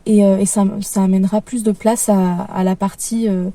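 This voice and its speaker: A young adult woman giving parenting advice in a calm, gentle way, with frequent hesitations. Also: medium pitch, normal speed, dry recording, far from the mic. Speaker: parenting vlogger. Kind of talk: casual advice talk.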